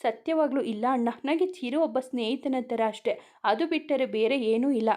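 A woman voicing a young woman, a gentle younger sister who pleads softly. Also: high-pitched, moderate pace, natural voice. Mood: earnest. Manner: soft, pleading.

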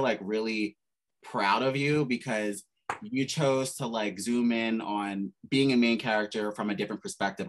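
A man with a fairly low voice hosts a relaxed interview, heaping praise with lots of emphasis. He sounds excited and talks in a gushing, emphatic way. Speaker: host. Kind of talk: casual interview chat. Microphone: studio mic.

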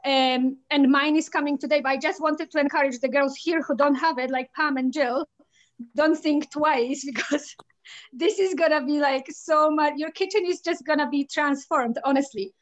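A woman's voice: sits high, fairly even intonation, moderate pace, dry recording. Eager woman on a muffled call. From Poland. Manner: enthusiastic, eager. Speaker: guest on the call. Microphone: video call. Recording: muffled, dry video call audio.

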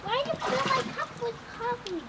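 Young woman joking around on a dock, really high voice, swoopy, loud outdoor noise all around. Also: expressive, a little fast. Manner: playful, teasing. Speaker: family member. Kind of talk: casual family chat.

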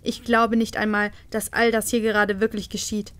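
A woman reading a storybook voices a proud, jealous, grieving queen who speaks loudly and forcefully. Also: mid-range voice, little pitch movement, moderate pace, lightly acted. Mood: anguished. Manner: loud and forceful, with sobbing outbursts.

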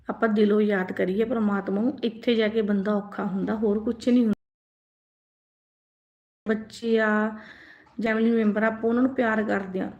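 Woman, young adult, earnest spiritual live-stream talk, fairly high voice, echoey lo-fi phone sound. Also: a little mellow. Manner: earnest, advising directly, asks listeners questions. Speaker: religious speaker.

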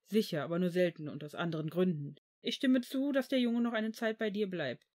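A reader voicing an old male headmaster in a fan fiction audiobook, measured and calm, turning stern. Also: mid-range voice, lightly acted. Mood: firm.

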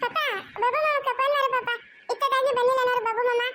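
A woman's voice: very high voice, level tone, fast, very noisy, voice pushed up. A woman voicing a small child who is anxiously waiting for an uncle, in a whiny, pleading voice.

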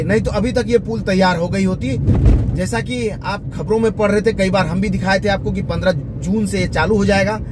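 A local news reporter with a high-pitched voice gives running commentary while driving, filing an on-the-road video report. He's inside a moving car crossing a bridge and ends up outdoors, with road and traffic noise throughout.

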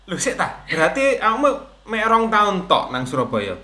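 A young man hosting a playful video-call chat, animated and teasing as he switches between languages. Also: high-pitched, brisk. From Australia. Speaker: YouTuber host. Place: home room with desk, indoors. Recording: echoey room with background noise.

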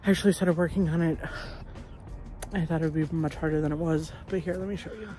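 A woman around her thirties talking in a casual, halting, informal way, as a vlogger. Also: deep voice, steady tone, dark tone, faint music behind. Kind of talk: casual vlog chat.

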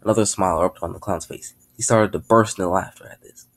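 Low husky man reading his own story. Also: steady tone, fast talker, fairly bright tone. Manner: offhand, self-correcting reading with restarts.

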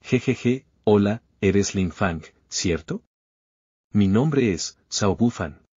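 A man voicing a fawning old merchant who flatters and giggles slyly. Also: on the low side, slow pace, breathy edge, no echo, exaggerated voice. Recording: slightly dull lo-fi recording.

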